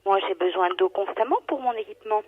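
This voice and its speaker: A woman's voice: mid-range voice, quick pace, dry recording. A woman dentist talking over a landline phone, protesting indignantly to a caller. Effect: heard over a landline phone. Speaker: dentist taking a prank call. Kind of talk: unscripted phone conversation. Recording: dull, muffled phone line.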